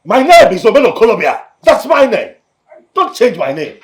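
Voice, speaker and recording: Nigerian heir who won't have it, agitated, keeps repeating himself, voice swings all over. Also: male voice, high-pitched, wildly swooping pitch, moderate pace. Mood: defiant. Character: defiant young man rejecting a royal claim. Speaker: young man told he is a king's heir.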